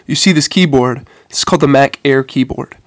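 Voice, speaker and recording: Here a man, congested and stuffy-nosed from a head cold, gives an informal, hesitant tech tutorial, casually demonstrating a phone and addressing viewers as "guys." His voice sits in the mid-range, and the recording has no echo.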